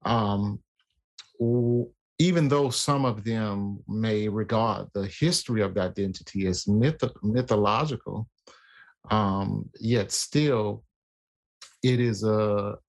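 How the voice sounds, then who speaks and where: A man in casual conversation about faith, talking in a halting way with many fillers and restarts. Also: on the low side, vocal fry.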